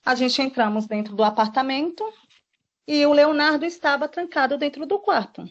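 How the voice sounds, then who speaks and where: A woman giving a witness statement, retelling events in an emotional, rushed way with quoted dialogue. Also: sits high. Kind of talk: recounting events in a formal statement. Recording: dull lo-fi recording.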